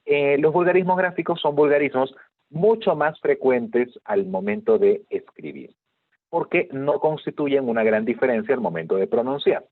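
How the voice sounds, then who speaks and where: A man's voice: medium pitch, lively intonation, normal speed, no room sound. Male teacher, patient explainer on a video call, narrow tinny audio. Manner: explanatory, checks in with frequent "¿de acuerdo?". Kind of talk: online class lecture.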